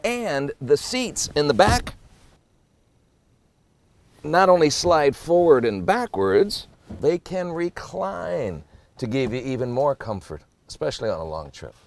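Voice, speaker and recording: A man's voice: a little high, very animated, slow, vocal fry. A man presenting a car review walkaround, with an upbeat, jokey, salesman-like delivery.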